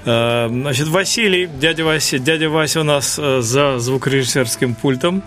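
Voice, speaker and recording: A man's voice: a little high, normal speed, a bit bright. A man presenting a radio music show in a chatty, hesitant way, with folksy mock-formal touches.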